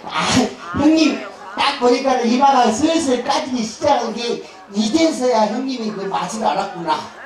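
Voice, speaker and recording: A man with a Jeolla accent working as a pumba street performer and emcee, trading crude, teasing banter with the crowd on an outdoor festival stage, laughing through his lines and breaking into shouts. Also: very high-pitched, normal speed. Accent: Jeolla Korean. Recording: echoey loudspeaker sound, filmed from far off, crowd noise.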